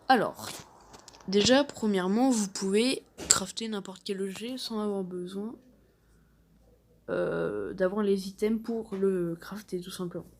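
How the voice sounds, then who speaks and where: A woman's voice: medium pitch, a little mellow. Rambling woman hosting a game tutorial. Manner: rambling, filler-heavy, self-deprecating chatter. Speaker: gaming tutorial host. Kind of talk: casual screen-recorded game tutorial.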